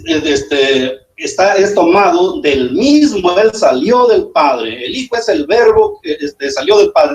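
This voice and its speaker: Man, pastor debating, hesitant with fillers, lively swooping pitch, somewhat high voice, echoey room. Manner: hesitant, many fillers, sudden rises in pitch. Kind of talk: spontaneous debate argument.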